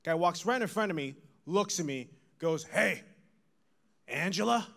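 A man from Taiwan doing a stand-up set, telling stories in a deadpan way with bursts of laughter. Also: a little high, normal speed. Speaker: stand-up comedian.

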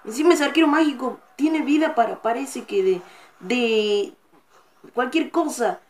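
A woman hosting a gaming channel, giving live gameplay commentary with excitable, frustrated outbursts and cursing at the game. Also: a little high, a little slow.

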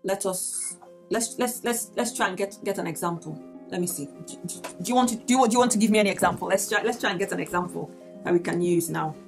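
A woman's voice: mid-range voice, fast, creaky, faint music behind. A woman teaching about resolving conflicts in relationships, often repeating words and acting out quoted dialogue. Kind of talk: teaching talk with acted examples.

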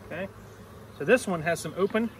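This clip has heavy background noise as a middle-aged man demonstrates beekeeping hands-on at an outdoor apiary, laying out each step simply as he goes. His voice is high and fairly quick, recorded from a camera mic a few steps away.

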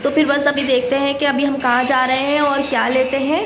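A woman's voice: high voice, level tone, a little fast. A woman in her thirties chatting to her phone camera at home, casual and talkative, mixing in English phrases and addressing viewers as guys. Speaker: vlogger. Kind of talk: casual vlog chat to camera. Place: home veranda with plants, indoors and out. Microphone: phone camera at arm's length. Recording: echoey room with background noise.

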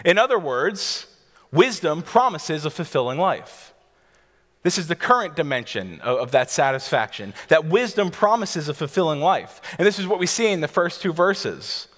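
The long reverb of a church hall surrounds this pastor in his thirties, preaching from the stage to a seated congregation in a fairly high, slightly bright voice with lively intonation and moderate pace. He explains like a teacher, vividly sketches scenes, and occasionally restarts his sentences.

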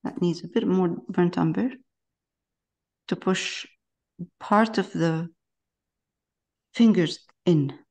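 A woman with a lowish, gravelly voice talks through a painting demonstration. She speaks softly and haltingly, thinking aloud as she works at close range to the mic. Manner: soft-spoken, halting, talks to herself while painting. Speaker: painting instructor.

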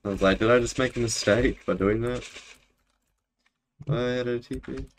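A man's voice: medium pitch, steady tone, moderate pace. A young man with a broad New Zealand accent chatting casually on a gaming livestream in a laid-back, rambling, slangy way. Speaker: game streamer. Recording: clear background noise, keyboard and mouse clicks. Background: keyboard typing and clicks.

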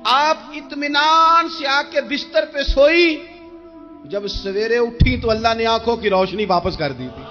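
A man's voice: very high voice, fairly bright tone. A male preacher delivering an impassioned sermon, repeating phrases for emphasis and reciting verse. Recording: dull recording with faint music.

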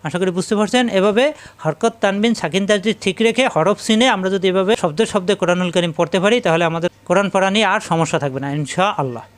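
A male Quran reading teacher giving a step-by-step spelling lesson with a Bangladeshi Bengali accent, slowly drilling syllables and repeating them. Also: high voice. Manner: slow, repetitive syllable drilling.

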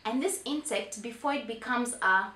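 A young woman teacher hosts a children's educational lesson to camera in a small indoor playroom, animated and upbeat as she prompts young kids with questions. Her voice is a little high at normal speed, recorded from a distance with roomy echo.

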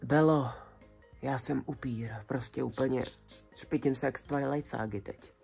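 Low-voiced young woman chatting casually. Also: steady tone, gravelly, dark tone, soft background music. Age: young adult. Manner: chatty, colloquial, shows items one by one. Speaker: vlogger. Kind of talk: casual haul video chat. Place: small decorated bedroom indoors.

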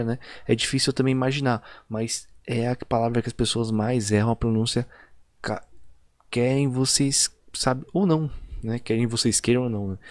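A man with a Brazilian Portuguese accent teaching an online lesson in a chatty way, often ending lines with little tag questions and stretching example words out slowly. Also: lowish voice, darkish tone, no room sound, clean studio sound. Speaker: English teacher. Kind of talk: casual online video lesson.

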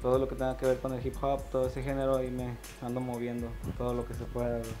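A young man talks casually as a rapper guest, stretching his fillers and using plenty of slang. His delivery stays flat and low-key, with faint music in the background. He speaks into a handheld mic in a small studio. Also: fast. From Mexico. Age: 20s. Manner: laid-back slangy talk, drawled fillers. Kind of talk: casual interview.

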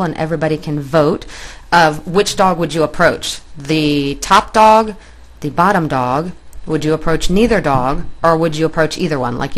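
A woman instructor explaining dog body language in a plainspoken online lecture, pointing out pictures on slides. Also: low voice.

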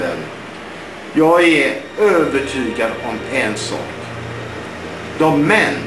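A middle-aged man giving an earnest, deliberate and indignant opinion monologue into a webcam up close, in a small room. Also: medium pitch. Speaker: blogger. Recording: roomy echo with background music. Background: background music.

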